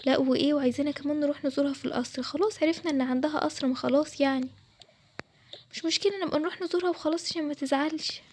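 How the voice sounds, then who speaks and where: Casting note: fast, high-voiced woman with an Egyptian Arabic accent, chatty role-play drama voice-over. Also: fairly even intonation, darkish tone. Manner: chatty and quick, switching between several girls' voices.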